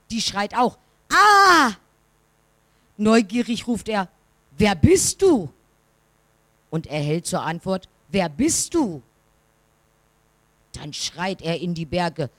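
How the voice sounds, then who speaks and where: A woman reading a short parable aloud to a church congregation in an expressive way. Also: mid-range voice, no echo. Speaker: church member reading a story. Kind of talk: read-aloud story.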